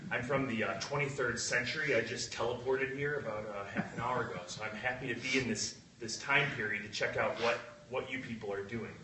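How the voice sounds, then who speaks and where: A man's voice: mid-range voice, fairly even intonation, brisk, hardly any pauses, bright, forceful tone, recorded from a distance, slight background noise, natural voice. A man playing an earnest time-travelling captain from the future, hesitant and full of fillers. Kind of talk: improv comedy game. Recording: roomy echo, from off-mic.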